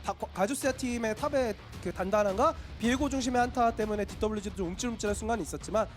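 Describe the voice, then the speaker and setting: An excited male esports caster with a high, lively voice and quick delivery. He explains plays live and repeats phrases, with faint music behind him. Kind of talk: live esports commentary with analysis.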